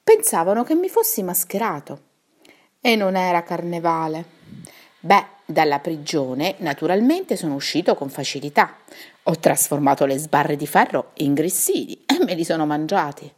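A woman's voice: sits low, expressive, normal speed. A woman voicing a sad, talkative old male wizard in a bedtime story, wistful and self-pitying.

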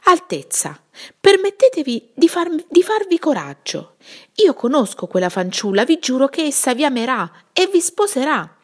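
A cheerful, clever young shepherd from a storybook, played by a woman reading aloud. He sounds confident and modest, with a slightly raised, lively voice. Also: sits high, normal speed, pitched above the performer's own voice. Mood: reassuring.

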